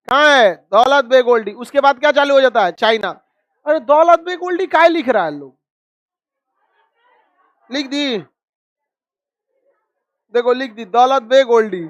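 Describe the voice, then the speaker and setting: A male teacher runs a call-and-response classroom lesson, throwing out questions and bluntly scolding his pupils. His voice sits very high for a man. The sound is dry and close, with almost no room echo. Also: lively intonation, a little slow, pauses often, fairly bright tone, lo-fi sound.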